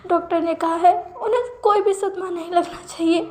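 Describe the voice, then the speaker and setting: Woman doing a crying young man, storybook reading, high voice, stammering, guilty. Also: fairly even intonation, normal speed, a little mellow, reverberant. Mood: sobbing. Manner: stammering, repeats words through tears.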